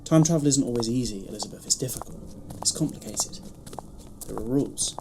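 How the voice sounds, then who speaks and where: An actor in an audio drama playing the Doctor, a brisk, grave and protective time traveller who speaks with urgent emphasis. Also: medium pitch, noisy background, natural voice. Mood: exasperated.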